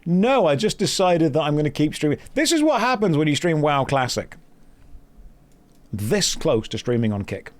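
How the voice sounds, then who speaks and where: A man livestreaming a game speaks at a moderate pace in a fairly high voice with big swings in pitch. He jokes about himself, chats casually with viewers, and reads their messages and the quest text aloud.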